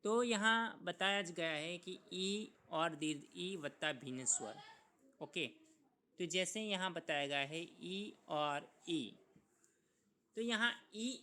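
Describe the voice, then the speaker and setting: A man's voice: high voice, lively intonation, sharp tone, a little hiss or hum. A man teaching a school grammar lesson, who repeats each sound and asks his students questions that he then answers himself. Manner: repeats sounds and steps slowly. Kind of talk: recorded Hindi grammar lesson.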